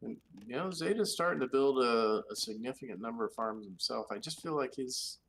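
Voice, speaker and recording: A man co-commentating a live strategy game match, relaxed and analytical, thinking aloud. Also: medium pitch, brisk, vocal fry.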